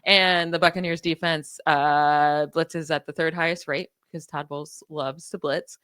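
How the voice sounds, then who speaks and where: Lower-voiced woman with a New York accent. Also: steady tone, a bit bright, clean tone, dry recording. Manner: stat-heavy, confident, quick asides. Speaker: podcast co-host. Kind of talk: casual sports chat.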